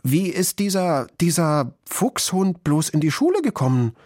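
A man voicing a puzzled, caring mother who asks gently wondering questions, in a husky voice. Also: a little high, very animated, a little slow, dry recording, clean studio sound, voice pushed up.

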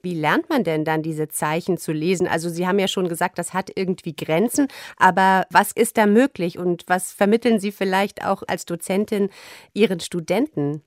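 A woman's voice: lowish voice, normal speed, dry recording, studio quality. A woman from East Germany hosting a radio program, asking engaged, articulate questions and moderating. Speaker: radio host.

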